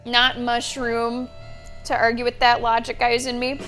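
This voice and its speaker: Woman streaming a game, highish voice, casual and chatty with viewers, faint music behind her. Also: completely flat delivery, measured pace, a bit bright. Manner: chatty, thanks and addresses viewers. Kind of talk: casual live playthrough commentary. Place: voice over game audio.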